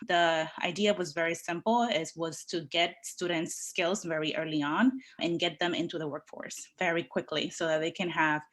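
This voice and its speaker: This guest, a Dominican woman who works as a workforce development leader, shares her career story in a podcast interview. She has a low voice with a steady, fairly bright tone, and she speaks earnestly and deliberately, stacking her points in lists.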